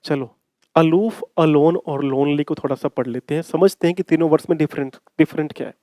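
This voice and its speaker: A man's voice: fairly high pitch, moderate pace, warm tone, dry recording, studio quality. A man teaching an exam-prep English grammar lesson, repeating key phrases and answering his own questions. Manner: calls students "bhai".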